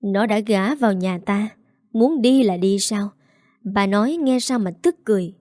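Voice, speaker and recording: This is a cold matriarch of a wealthy household in a spoken story, read by a woman. She is contemptuous and domineering, with a dark, mellow tone in a dry recording. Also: mid-range voice, normal speed, no echo, lightly acted. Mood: scornful. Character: cold, haughty rich matriarch, older woman.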